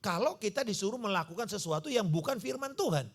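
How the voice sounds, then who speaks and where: A male pastor preaches. His voice sits high and swings widely in pitch. He tells stories and acts out their dialogue. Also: fast talker. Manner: animated storytelling, acting out dialogue. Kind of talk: sermon. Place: church service.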